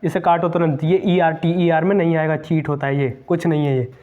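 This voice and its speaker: A man's voice: fairly high pitch, level tone, fairly quick, narrow, tinny audio. A man teaching English grammar for competitive exams, emphatic, repeating words and spelling them out letter by letter. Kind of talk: exam-prep grammar lesson.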